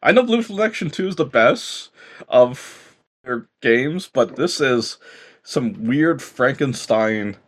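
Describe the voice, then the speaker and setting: A man co-hosting a casual video game chat, animated, who acts out game dialogue in high mocking voices and laughs often. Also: slow. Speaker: podcast co-host reviewing games.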